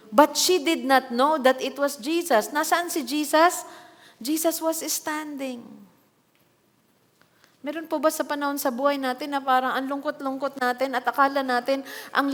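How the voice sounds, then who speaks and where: High-voiced woman preaching in a reverberant hall. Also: normal speed. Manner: mixes scripture reading with lively asides and acted quotes. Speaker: pastor. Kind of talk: sermon. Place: church hall.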